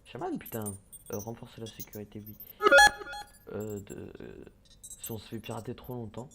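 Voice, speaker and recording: A young gaming YouTuber speaks in a lowish voice with vocal fry, fairly even intonation, and a moderate pace, while loud music plays behind him. His casual let's-play commentary is hesitant, full of fillers and restarts, with muttering as he plays, plus faint background noise.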